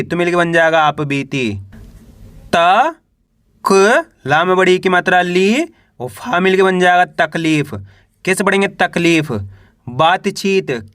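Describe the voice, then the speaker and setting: High bright man teaching Hindi reading. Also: dry recording, clean studio sound. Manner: slow syllable-by-syllable spelling with drawn-out vowels; repeats "how will we read it?" drills. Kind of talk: online reading lesson.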